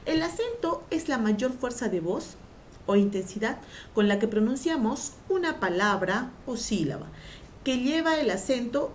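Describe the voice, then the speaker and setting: Woman teacher, lively pitch, stretches out syllables, quizzes pupils, faint rumble behind. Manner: animated, stresses syllables by drawing them out; asks pupils questions and answers them herself. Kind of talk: classroom grammar lesson.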